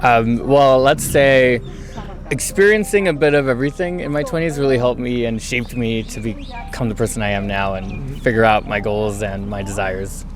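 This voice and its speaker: A man in his thirties from San Francisco, answering street interview questions in a thoughtful, measured way with frequent pauses. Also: medium pitch, crowd noise. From San Francisco, USA. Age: 30s. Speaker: interviewee, traveller.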